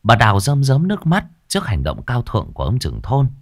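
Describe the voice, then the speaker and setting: A man narrating a ghost story in a dramatic, expressive way. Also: medium pitch, fast, dry recording, studio quality.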